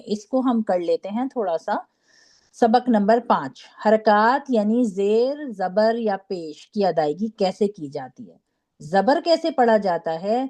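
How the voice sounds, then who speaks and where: A woman teaching a Quran recitation class, patiently drilling syllables slowly and checking in with her students. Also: a little high, dark tone. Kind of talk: online class lesson.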